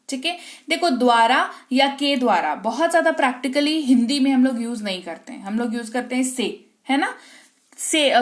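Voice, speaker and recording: High-voiced woman teaching vocabulary. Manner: explains patiently, slowly dictates example sentences; asks the class quick check-in questions. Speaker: English teacher. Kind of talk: online vocabulary lesson.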